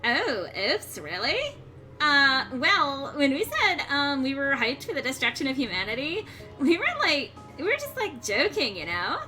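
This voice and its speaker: A woman's voice: high voice, sing-song, a little slow, bright, forceful tone, faint music behind, full character voice. A woman voicing a bubbly, ditzy, gossipy sorority-girl monster with a Valley Girl accent. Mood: laid-back, breezy.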